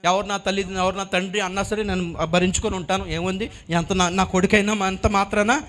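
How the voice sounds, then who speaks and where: A man acting out a grieving elderly mother in a sermon story, speaking with soft, resigned pleading. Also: high voice, level tone, brisk.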